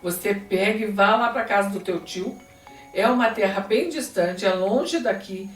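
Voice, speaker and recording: A woman's voice: mid-range voice, a little slow, echoey room, far from the mic, faint music behind, lightly acted. A woman voicing a worried, protective mother who urges her son to flee. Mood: urgent.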